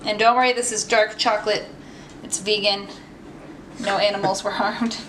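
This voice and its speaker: A woman's voice: medium pitch, flat delivery, moderate pace. A woman hosting a casual home cooking vlog, chatting upbeat to the camera as she bakes. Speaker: cooking show host. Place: home kitchen. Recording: echoey kitchen, noisy background.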